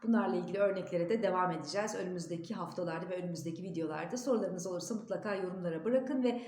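A woman's voice: rapid-fire, slight background noise. Turkish woman teaching diction, echoey room. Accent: Istanbul Turkish. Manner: careful, demonstrates pronunciations with sharp pitch jumps. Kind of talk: diction lesson. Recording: echoey room with faint ambience.

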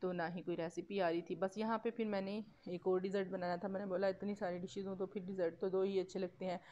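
A woman's voice: medium pitch, level tone, fast talker, dark tone, slight background noise. A woman with a Pakistani Urdu accent narrating a home cooking vlog as a voice-over, chatty, with frequent fillers and self-corrections. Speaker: cooking vlogger. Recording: dull lo-fi voice-over.

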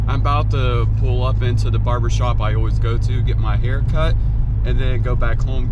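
Chatty excitable man vlogging from a car. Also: medium pitch. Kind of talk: casual vlog. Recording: car noise in background.

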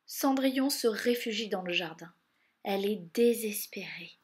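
A woman reading an animated storybook aloud for children, narrating in a hushed, whispery way with lively bursts. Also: medium pitch, normal speed, breathy edge.

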